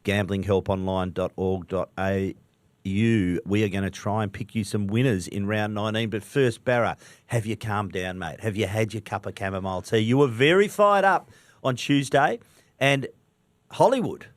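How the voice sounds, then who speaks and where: A calm man with a fairly low voice co-hosts a sports show. He talks in a wry, even-tempered way. The sound is close and dry. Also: moderate pace, no echo. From Victoria, Australia. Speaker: sports podcast co-host. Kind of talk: casual sports chat.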